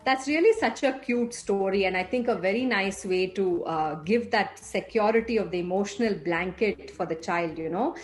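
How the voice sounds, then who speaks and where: A woman's voice: mid-range voice, moderate pace, few pauses, faint music behind. A woman host and coach in a conversational interview, speaking reflectively and checking for agreement. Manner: reflective, asks the guest to agree.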